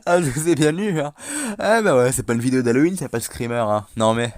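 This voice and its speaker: A man's voice: mid-range voice, quick pace, no echo, studio quality. A man hosting a video, casually recounting an internet horror legend in a chatty, joking way and talking straight to his viewers. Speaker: host.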